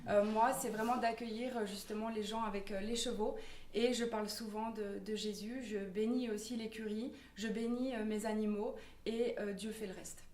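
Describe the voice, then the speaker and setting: A woman's voice: medium pitch, steady tone, normal speed, a little mellow. A woman from Normandy giving a personal testimony in church, hesitant with many fillers and restarts. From Normandy, France. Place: church hall. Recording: echoey room from far off.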